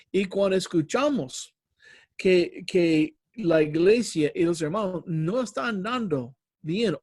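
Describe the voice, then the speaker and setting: Earnest man preaching slowly in a church hall, dry close sound. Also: high-pitched, a little mellow. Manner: earnest, addresses listeners as brothers. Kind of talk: sermon.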